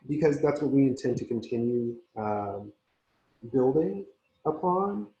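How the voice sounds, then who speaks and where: A man speaks over a conference call line that sounds dull and muffled, with a roomy echo around his voice. His delivery is slow and halting, with many pauses, and his tone is mellow and soft-edged. The call audio keeps breaking up. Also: mid-range voice, a little hiss or hum. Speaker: community organizer. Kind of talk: speaking as a guest on a panel.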